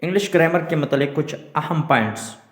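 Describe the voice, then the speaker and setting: A man teaching English grammar at a whiteboard, explaining slowly, repeating terms and asking rhetorical questions. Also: a little high, lively intonation. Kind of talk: classroom lesson at a whiteboard. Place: classroom. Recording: very echoey room.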